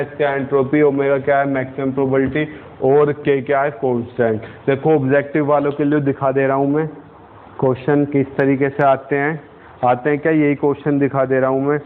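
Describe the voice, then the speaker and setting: A man's voice: medium pitch, flat delivery, normal speed, slight background noise. A young man teaching physics at a whiteboard, explaining step by step and asking his students questions. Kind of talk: whiteboard lecture. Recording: tinny phone-like lo-fi sound.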